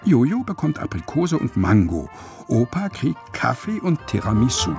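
A man reading a children's story aloud in an expressive, playful way. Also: lowish voice, creaky. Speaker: narrator.

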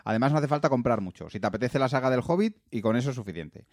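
Male podcast co-host, medium pitch, reads comments casually, close dry recording. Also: animated, very fast, no room sound. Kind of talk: reading listener comments aloud with casual asides.

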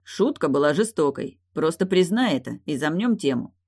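A woman voicing a patient young husband and new father in an audiobook, staying close to her own low voice. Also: animated, normal speed, a little mellow, husky, heavily acted. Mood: calm.

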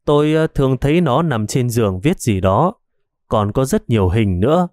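A man's voice: medium pitch, animated, moderate pace, darkish tone, no room sound, studio quality, close to an everyday voice. A man voicing a frightened elderly mother who stammers and hesitates, in an audiobook story. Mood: plain.

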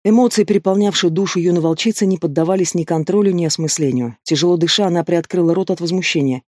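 A man narrates a fantasy audiobook in a steady, expressive reading. His voice sits fairly high for a man. The recording is dry and close to the mic. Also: quick pace, no echo. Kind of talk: scripted narration of a fantasy novel.

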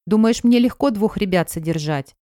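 A woman's voice: mid-range voice, lively intonation, moderate pace, dark tone, no echo, studio quality, natural voice. A woman voicing an anxious, self-justifying woman friend talking on the phone in an audiobook. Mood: defensive.

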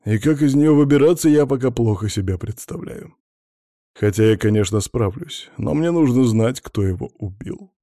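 A man's voice: medium pitch, animated, moderate pace, warm tone, no echo, studio quality, close to an everyday voice. A man reading an audiobook, voicing a blunt male boss who reassures in a folksy, patronizing way.

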